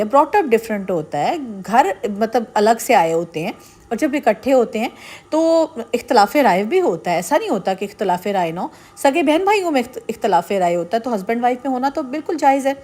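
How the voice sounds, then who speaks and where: A middle-aged woman with a darkish tone and a voice on the high side gives earnest, persuasive marriage advice directly to her viewers. It is a casual vlog in which she talks straight to the camera.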